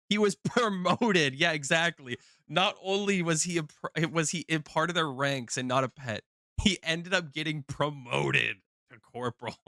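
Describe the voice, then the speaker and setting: Bright, excitable man streaming casual reactions. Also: on the high side, no room sound, studio quality. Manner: excitable, sweary interjections.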